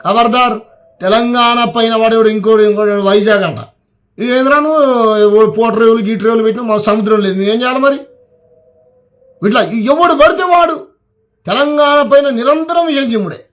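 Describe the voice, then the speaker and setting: Telangana-accented man, high voice, heated scolding political rant. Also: normal speed, pauses often, fairly bright tone. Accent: Telangana Telugu. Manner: heated, scolding, repeats words for emphasis. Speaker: political commentator.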